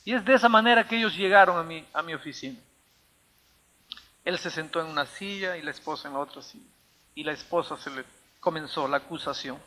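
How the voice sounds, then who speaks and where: A man's voice: fairly high pitch, a little fast, bright, forceful tone, in a large hall. A male pastor preaching a sermon, emphatic and telling a story from the pulpit.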